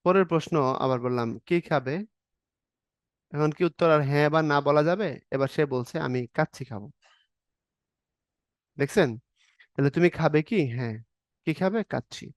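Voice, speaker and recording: A man's voice: fairly high pitch, unhurried, pauses often, no echo, clean studio sound. A man teaching an exam-prep Bangla grammar lesson, explaining step by step, acting out short example questions and answers, and often checking that the students are following.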